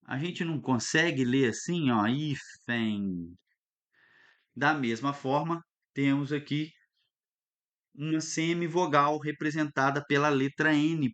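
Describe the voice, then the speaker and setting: A man teaching a recorded lesson, lively and instructive, often stopping to check that students follow. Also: a little high, highs cut off. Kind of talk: recorded online lesson at a whiteboard.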